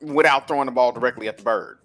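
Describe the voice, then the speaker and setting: A man's voice: mid-range voice, fast talker, over a noisy crowd. A man hosting a casual film discussion, recapping plots with frequent laughter. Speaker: host.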